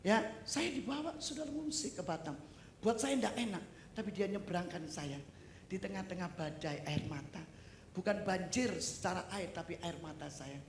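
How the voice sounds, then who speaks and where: Animated woman preaching in an echoey hall. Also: on the low side, moderate pace. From East Java, Indonesia. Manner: animated preaching with loud exclamations and humorous asides. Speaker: pastor. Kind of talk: sermon. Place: church service hall. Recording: echoey hall with faint noise.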